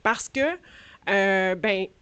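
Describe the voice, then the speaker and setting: A woman's voice: mid-range voice, extremely slow, a bit bright, clean tone, no room sound, dull audio. A woman with a Quebec French accent and a slightly grating, allergy-scratched voice, speaking as a guest at a conference. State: voice strained by allergies. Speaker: guest speaker, director of a workforce organisation. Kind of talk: conference talk.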